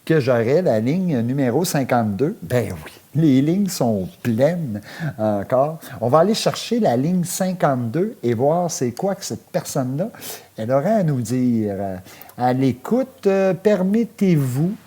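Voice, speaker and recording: Brief: man as radio host, rambling, hesitant, mid-pitched. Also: lively intonation, mellow, slightly rough. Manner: rambling, halting, full of hesitations. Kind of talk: comic radio call-in parody.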